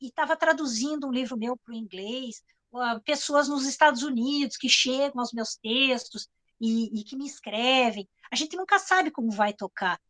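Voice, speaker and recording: A woman's voice: sits high, a bit bright. A woman writer with a Brazilian accent telling anecdotes to an audience in a chatty way, often checking in with tag questions. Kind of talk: storytelling talk to an audience.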